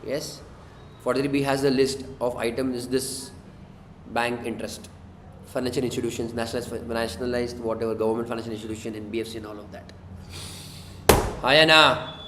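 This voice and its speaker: An Indian-accented man tutors an interactive class, prodding students with questions and quick checks. His mid-range voice is flat and fast, recorded in an echoey room with faint noise.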